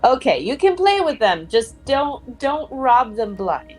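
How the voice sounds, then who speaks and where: A woman playing an earnest, principled adventurer in a tabletop game, speaking in a halting, patient, gently admonishing way. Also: high-pitched, sing-song, faint music behind, pitched above the performer's own voice. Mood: gently scolding.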